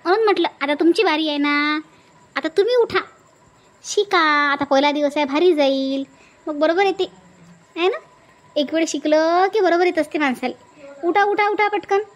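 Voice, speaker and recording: A woman's voice: extremely high pitch, moderate pace, long pauses. A woman playing a bossy village woman who keeps nagging her sister-in-law in a comedy skit. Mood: coaxing. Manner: insistent, scolding, repeats urgings. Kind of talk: comedy sketch acting.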